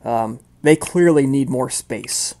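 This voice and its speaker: A man's voice: medium pitch, slow, gravelly, warm tone. A man narrating a tabletop game as game master in a casual, rambling way, full of fillers.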